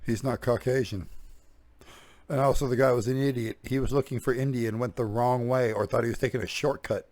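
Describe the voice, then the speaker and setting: A man reacting to a clip with biting sarcasm and plenty of swearing, his tone openly exasperated. His voice sits at an ordinary pitch and is recorded close and dry, with no room sound at all. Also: fairly even intonation, a little fast, a little mellow, dry recording. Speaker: reaction commentator. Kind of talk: reaction commentary.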